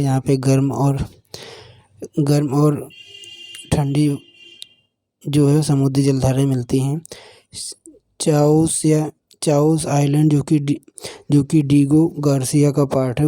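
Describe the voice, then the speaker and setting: Male tutor, dark mellow voice, fairly high pitch, flat and steady delivery, dry close sound, quizzes himself aloud. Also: no echo. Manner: mixes English phrases into Hindi, repeats key points; asks and answers his own quiz questions. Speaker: exam coaching teacher. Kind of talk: explanatory lecture.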